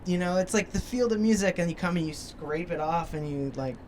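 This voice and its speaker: A man's voice: on the high side, brisk, a little mellow, slight background noise. Rambling joking man on a rooftop. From Ottawa. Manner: rambling, joking, many fillers. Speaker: band singer and keyboardist. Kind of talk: casual interview. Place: outdoor rooftop.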